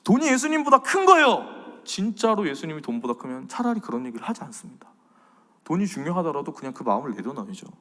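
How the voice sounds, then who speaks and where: A fairly high-voiced man preaches with a lively, swinging delivery, leaning in softly and then rising loud. His voice rings with a long reverb. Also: fast. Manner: animated, swings between loud and soft. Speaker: pastor. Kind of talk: sermon-style faith lecture.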